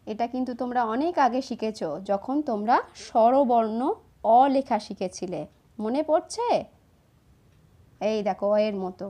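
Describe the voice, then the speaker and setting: A woman, slowly and patiently explaining each step of writing letters to children. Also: fairly high pitch, warm tone. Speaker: teacher. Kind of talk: handwriting lesson for children.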